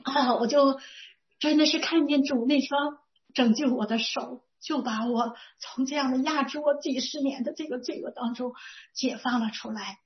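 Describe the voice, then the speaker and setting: A woman's voice: sits high, normal speed, lo-fi sound. Earnest Northeastern Chinese woman in her sixties. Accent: Northeastern Mandarin. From Northeast China. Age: 60s. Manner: earnest and emotional, rising with fervor when recalling prayer. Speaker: church member giving testimony. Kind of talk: religious personal testimony.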